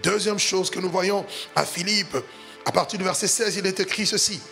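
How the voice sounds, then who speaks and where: A man's voice: high voice, fairly even intonation, moderate pace, gravelly, sharp tone, soft background music. A man pastor preaching a sermon in a sing-song cadence, climbing to emphatic peaks.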